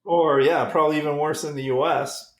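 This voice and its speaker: A man co-hosting a podcast in casual chat, halting, with many restarts and fillers. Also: fairly high pitch, fairly even intonation, reverberant. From Canada. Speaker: podcast co-host.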